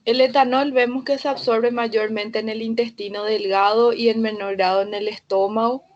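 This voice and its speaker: A woman giving a recorded medical lecture, listing causes and complications in a steady, methodical way. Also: a little high, moderate pace, dull audio.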